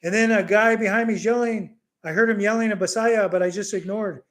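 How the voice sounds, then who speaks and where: A middle-aged man with a notably high voice hosts a relaxed livestream from home. He tells a story with lively energy and slips Bisaya words into his English. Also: fairly quick. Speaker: livestream host. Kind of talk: casual live Q&A chat and storytelling.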